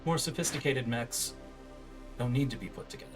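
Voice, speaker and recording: A man plays an undead lich pilot for a tabletop game. The figure is smug and aloof, dropping haughty, understated threats at a middling male pitch. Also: expressive, fairly quick, music in the background, close to an everyday voice. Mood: smug menace.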